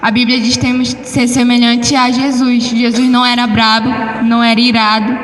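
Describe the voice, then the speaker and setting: A woman's voice: on the high side, level tone, fairly quick, fairly bright tone, a little hiss or hum. A woman with a Brazilian accent gives a spoken testimony in church, telling her story animatedly and acting out the dialogue. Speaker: church member giving testimony. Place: church hall. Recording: echoey church hall with long reverb.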